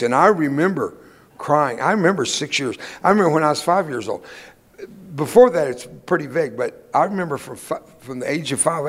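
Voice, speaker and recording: A guest preacher, an older man who grew up speaking Spanish, gives a folksy sermon full of funny personal anecdotes in a church sanctuary. His voice is mid-range and his preaching emphatic, and a long reverb tail follows his words.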